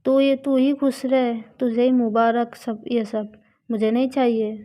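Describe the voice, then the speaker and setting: A woman voicing a playful, teasing young college woman in a Hindi love story, speaking slowly. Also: fairly high pitch, little pitch movement, dark tone, natural voice. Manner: teasing, refusing. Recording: dull lo-fi recording.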